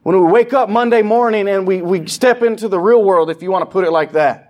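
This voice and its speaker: A man's voice: high-pitched, brisk, darkish tone. Conversational male preacher. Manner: conversational preaching, acts out quoted voices, asks the congregation questions. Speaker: pastor. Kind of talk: sermon. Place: church sanctuary.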